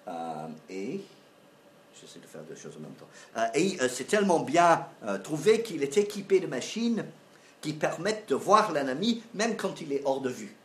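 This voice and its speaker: A man's voice: a little high, sing-song, normal speed, a bit bright. A man giving a lecture in a hesitant manner, full of fillers and restarts. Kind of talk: university-style lecture. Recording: echoey lecture room, faint ambience.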